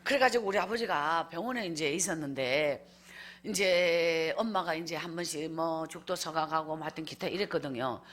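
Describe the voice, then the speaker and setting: In a church revival sermon, a woman evangelist recounts her life story with emphasis, acting out scenes along the way. Her voice sits low and is a bit bright, moving at a moderate pace.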